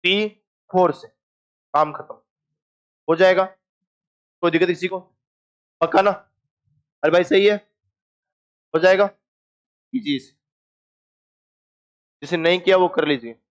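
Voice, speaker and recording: A man teaches chemistry to a live class, speaking in a high, bright register. He keeps firing questions at the room and answering them himself, teasing shy students into speaking up. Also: takes it slowly, pauses often, clean tone, highs cut off. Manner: joking and coaxing with students. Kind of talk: classroom lecture.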